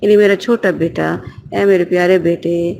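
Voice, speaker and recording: A woman's voice: lowish voice, fairly even intonation, vocal fry, darkish tone, highs cut off, slight background noise. A woman giving a word-by-word translation and tafsir lesson, reading each Arabic phrase and then glossing it. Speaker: Quran teacher.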